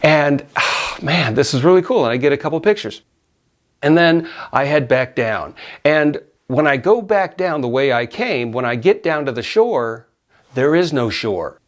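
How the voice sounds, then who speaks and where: A middle-aged man casually telling a personal story, animated and often laughing as he acts out his own yells. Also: a little high, measured pace.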